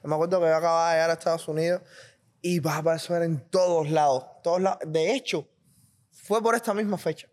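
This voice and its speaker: A man from Cuba hosts a podcast with a high voice, firing off questions. He tells quick anecdotes and acts out the people in them. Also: fairly even intonation, a little mellow. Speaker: podcast host. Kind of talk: casual interview chat.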